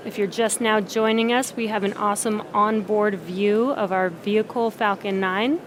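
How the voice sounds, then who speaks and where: A woman's voice: medium pitch, steady tone, moderate pace, background noise. A woman giving live, explanatory commentary as host of a launch webcast.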